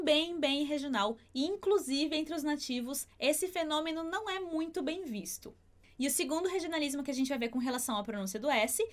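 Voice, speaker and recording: A woman teaching Spanish pronunciation in an online lesson, explaining patiently and slowing down to demonstrate sounds. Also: high voice, a bit bright. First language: Portuguese.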